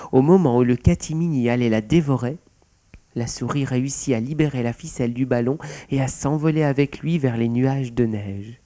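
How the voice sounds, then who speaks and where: Mellow man reading a children's story. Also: medium pitch. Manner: lively, expressive reading. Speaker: narrator. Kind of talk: storybook narration.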